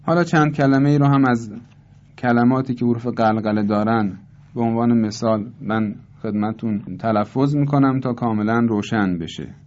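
A man teaching Quran recitation rules, explaining calmly and slowly demonstrating how words are pronounced. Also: medium pitch, muffled recording. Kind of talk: tajweed lesson.

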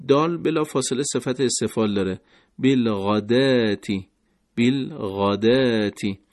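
Persian-accented male tajwid teacher, mid-pitched, patient, drawls out example words for students. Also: a little mellow. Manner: patient, slows down to model Arabic words. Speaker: Quran recitation teacher. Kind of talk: tajwid lesson explaining letter articulation.

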